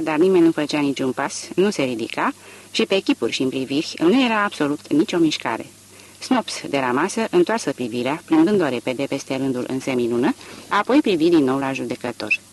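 A man narrates a literary novel as an audiobook. His voice sits somewhat high and moves with lively swings of pitch. The reading is expressive and varied. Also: a little hiss or hum.

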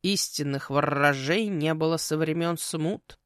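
A woman voicing a pompous, ever-hungry male raven spirit who lectures slowly in a croaking tone, in a fantasy audiobook. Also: low-pitched, dry recording, studio quality. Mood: lecturing. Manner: slow, self-important, croaking lecturer. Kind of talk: audiobook character voice.

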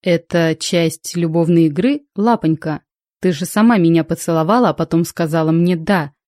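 A woman's voice: lowish voice, normal speed, darkish tone, dry recording, clean studio sound, lightly acted. A woman voicing a stubborn, lovestruck male space pirate in an audiobook, speaking in a coaxing, self-assured way.

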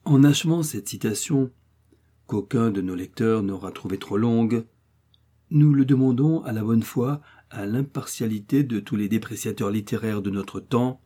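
A man giving an expressive, emphatic audiobook reading of a literary essay. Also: mid-range voice, breathy edge. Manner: emphatic, swelling rhetorical delivery. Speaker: reader.

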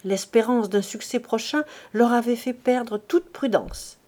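Woman narrator, audiobook reading, fairly high voice, measured and expressive. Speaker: audiobook reader.

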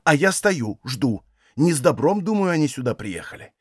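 A man reading aloud, voicing a frightened village woman who tells a grim story in a hushed, rushing way. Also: fairly high pitch, big pitch swings, breathy edge, dry recording, clean studio sound. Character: frightened old village woman, breathless gossip.

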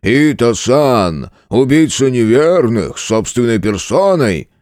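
Brief: rude, fat innkeeper, put on by a male narrator, shouty storybook rogue, slow and strained. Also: mid-range voice, sing-song, no room sound, studio quality, pitched above the performer's own voice. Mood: blustering. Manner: blustering, shouting, whining. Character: fat rude loud-mouthed male tavern keeper.

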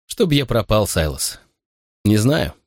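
A gentle, bewildered grown companion, read by a man in a lowish voice with lively, expressive swings. He speaks earnestly and a little helplessly, close and dry like a storybook. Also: takes it slowly, no room sound, heavily acted. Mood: puzzled.

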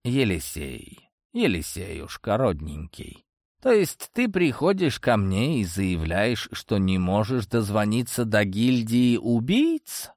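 A man's voice: wildly swooping pitch, slow pace, dry recording, clean studio sound, heavily acted. A man voicing an older, wrathful crime boss who roars and blusters at his family. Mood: furious. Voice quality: roaring shouts. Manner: swings from low menacing drawl to high furious yells.

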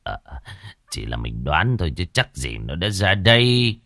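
A man voicing a gruff, worried older village landowner who speaks in curt, commanding questions. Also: low voice, sing-song, measured pace, fairly bright tone, dry recording, clean studio sound, full character voice. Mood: urgent.

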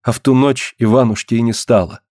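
A man's voice: medium pitch, fairly even intonation, a little fast, no echo, studio quality, lightly acted. A man voicing a guilt-stricken boyar's wife. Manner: archaic, pleading, hushed. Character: grieving guilt-stricken old-Russian boyar's wife, middle-aged woman. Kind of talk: audiobook reading.

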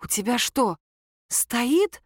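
A woman's voice: a little high, sing-song, slow pace, husky, no room sound, clean studio sound, heavily acted. Woman doing a flustered young woman.

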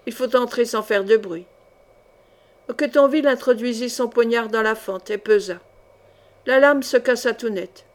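A woman reading a novel aloud as an audiobook narrator, in a measured, dramatic storytelling manner. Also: a little high. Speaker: audiobook reader.

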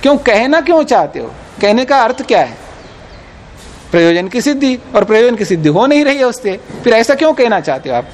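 A man's voice: extremely high pitch, sing-song, a little fast, slight background noise. A man teaching a philosophy class, explaining texts patiently and pressing his students with firm questions. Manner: explains patiently, quizzes listeners, firm and insistent. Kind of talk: classroom lecture on scripture.

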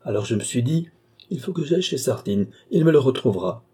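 A man voicing a vain, imperious young countess in an audiobook, brisk and teasing. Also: mid-range voice, expressive, dark tone, husky, voice pushed up.

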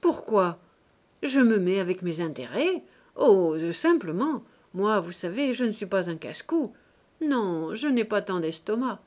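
A woman voicing a shrewd, unhurried male politician with a sly, matter-of-fact manner in an audiobook. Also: medium pitch, sing-song, darkish tone. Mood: calm. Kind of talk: audiobook character voice.

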